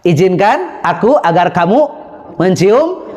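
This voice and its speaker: A man voicing a proud older king who pleads slowly and quietly. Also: sits high, big pitch swings. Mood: hushed pleading.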